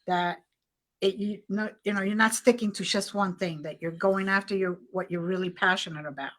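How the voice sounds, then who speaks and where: A woman's voice: medium pitch, fairly even intonation, moderate pace, a bit bright. A woman in her sixties hosting an interview, affectionate and laughing, calling her guest honey. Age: 60s. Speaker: host. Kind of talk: casual interview chat.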